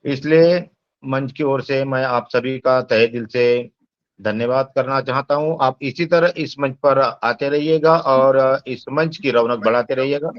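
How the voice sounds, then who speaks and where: A man's voice: mid-range voice, measured pace, no room sound, dull audio. A man from the core team giving polite, formal closing remarks in an online meeting.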